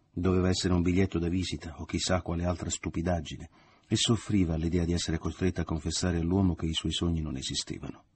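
A man narrating a literary novel in steady audiobook reading. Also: low voice, husky.

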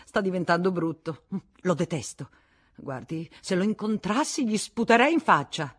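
A narrator voicing a bitter, scheming older spinster in a storybook reading, short of breath. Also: female voice, low voice, lively intonation, moderate pace. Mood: ranting. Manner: vehement, spiteful, breathless outbursts. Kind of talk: audiobook character voice.

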